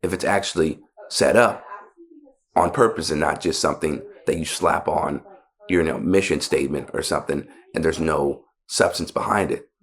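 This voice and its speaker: A male political commentator with a very low, deep voice. He delivers scripted news commentary in a pointed, conversational way, casually dropping in slang. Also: moderate pace.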